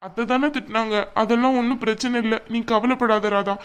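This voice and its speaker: A woman's voice: a little high, fairly even intonation, brisk, clean tone, close to an everyday voice. A woman voicing a remorseful young husband who apologizes and soothes in a cartoon. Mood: apologetic. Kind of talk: cartoon voice acting.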